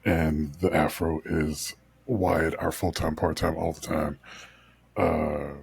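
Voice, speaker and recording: Deep husky-voiced podcast host man. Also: flat delivery, slow. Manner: laughing easily, rambling with fillers. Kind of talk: casual podcast chat.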